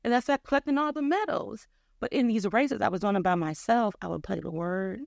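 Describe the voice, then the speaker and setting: A woman sharing her personal story of faith and health as an interview guest, telling it in an animated, faith-filled way. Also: medium pitch, brisk, creaky, no echo, clean studio sound. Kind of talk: personal testimony in casual chat.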